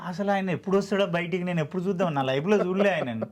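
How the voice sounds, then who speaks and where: A man's voice: high voice, rapid-fire. A man with a Telangana Telugu accent, an actor guest telling his story in an earnest, heartfelt, plainspoken way. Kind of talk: emotional storytelling interview.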